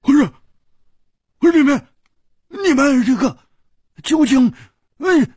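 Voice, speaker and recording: A man playing a brash young swordsman in a storytelling broadcast: high, swooping and loud, tripping over his words and bursting into laughter. The voice is husky and dry, with a very lively pitch. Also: normal speed, dry recording, full character voice. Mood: boisterous. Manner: stammering, guffawing, shouting. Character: boisterous stammering young swordsman, loud, easily startled.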